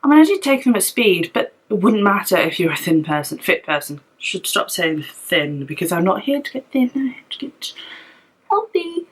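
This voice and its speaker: A woman's voice: on the low side, very animated, moderate pace, few pauses, breathy edge, low-quality recording. A young woman vlogging at home in casual, rambling chat, open and self-deprecating about herself. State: out of breath. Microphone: phone or tablet camera.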